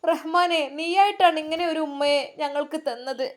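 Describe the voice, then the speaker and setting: A woman voicing a gentle, pious middle-aged male religious teacher who speaks softly and prayerfully. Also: sits high, normal speed, natural voice. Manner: soft, prayerful.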